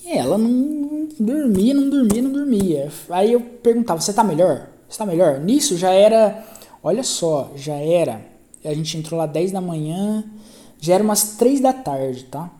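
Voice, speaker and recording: A man's voice: sits high, animated, normal speed, mellow. A man with a Brazilian Portuguese accent hosting a podcast, telling a story in a casual, rambling way, often restarting and repeating himself. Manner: rambling, self-correcting, repeats phrases, slangy. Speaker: podcast host.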